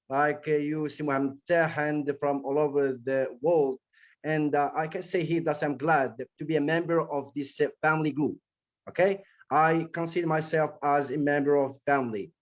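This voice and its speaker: Man from Morocco giving thanks on a call. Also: fairly high pitch. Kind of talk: online meeting remarks. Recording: dull online-call audio.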